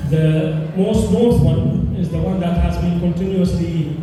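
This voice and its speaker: A man from Palestine, a doctor, giving an earnest, measured speech at a fundraising dinner, pausing often. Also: high voice, mellow. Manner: earnest, measured delivery with frequent pauses and fillers. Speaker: charity dinner speaker, doctor. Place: large indoor hall. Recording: echoey hall, distant mic, noisy.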